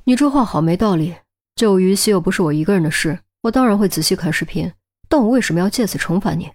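A woman's voice: fairly low pitch, animated, fast talker, a little mellow, dry recording, clean studio sound. A woman voicing an odd, blunt young man in an audiobook who speaks plainly and matter-of-factly.

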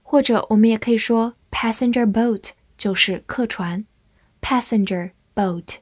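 A woman teaching English vocabulary, spelling each word out letter by letter and repeating it slowly. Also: a little high, no echo. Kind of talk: slow, spelled-out vocabulary lesson.

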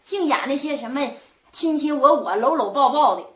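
A woman playing a stingy, spiteful middle-aged sister-in-law with a Northeastern Mandarin accent, sharp-tongued and quarrelsome. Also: high-pitched, expressive, moderate pace. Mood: scornful. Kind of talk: comic stage folk opera dialogue. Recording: echoey stage sound.

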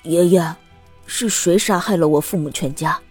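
A man's voice: high voice, animated, moderate pace, warm tone, husky, faint music behind, voice pushed up. A man voicing an earnest, caring young boy in an audiobook, lifting his voice into a boyish tone. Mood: troubled. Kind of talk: audiobook character voice.

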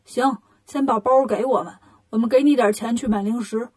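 A woman voicing a gang of greedy, blustering bandits in a storybook reading, talking gruffly. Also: on the high side, normal speed, a little mellow.

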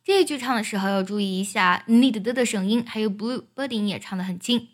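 A woman's voice: mid-range voice, a little fast. Woman teaching a song, singing demo lines. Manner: explains pronunciation, then sings demo phrases. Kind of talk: song lesson, explaining then singing lines slowly.

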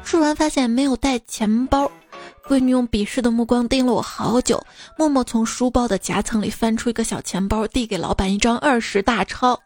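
A woman host reading out funny short stories in a light, playful way, with quick asides. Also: a little high, darkish tone, no room sound. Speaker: podcast host reading jokes. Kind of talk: comic storytelling. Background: faint background music.

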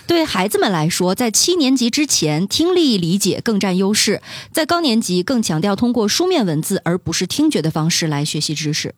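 A woman's voice: medium pitch, very animated, brisk, hardly any pauses, no echo. A woman co-hosting a casual science podcast, talking things through with small anecdotes. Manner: chatty, explains with small anecdotes. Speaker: podcast co-host.

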